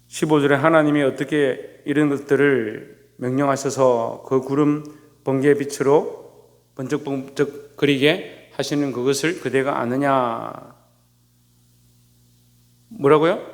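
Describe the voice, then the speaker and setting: A man's voice: medium pitch, steady tone, measured pace, big-room sound. A man, a pastor, preaching a sermon to his congregation. He keeps asking questions and answering them himself, and raises his voice to act out quoted scolding. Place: church sanctuary.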